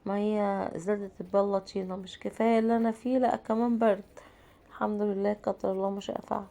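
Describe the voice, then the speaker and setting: Fast, gravelly Egyptian woman with a cold. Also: mid-range voice, fairly even intonation, dark tone. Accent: Egyptian Arabic. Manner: chatty, asks herself questions and answers them. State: has a cold. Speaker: home vlogger and mother. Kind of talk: casual cooking vlog narration.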